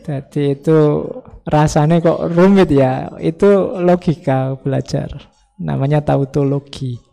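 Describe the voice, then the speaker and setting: Guy teaching philosophy, kinda gravelly, mellow dark tone, jokey and relaxed. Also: on the high side, takes it slowly. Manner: folksy, joking explanations with acted quotes. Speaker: philosophy lecturer. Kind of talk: informal religious study lecture.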